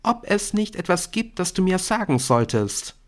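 A man's voice: high voice, sing-song, moderate pace, voice pushed up. A man voicing a prying, affected teenage schoolgirl in an audiobook. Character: prissy gossiping teenage schoolgirl.

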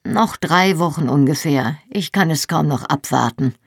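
A wry, teasing young mother heavy with child, as an audiobook reader puts her on. Her voice sits a touch higher, with a gravelly edge. The recording is dry and close. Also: normal speed, dry recording. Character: pregnant young woman, sister and mother, warm and wry.

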